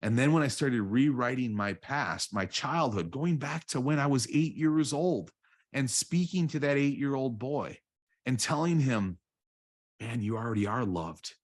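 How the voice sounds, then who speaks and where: A man in his forties, a guest on a podcast, telling a candid personal story in a halting way, repeating words and often asking "right?". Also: mid-range voice, expressive. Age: 40s. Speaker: guest, real estate coach.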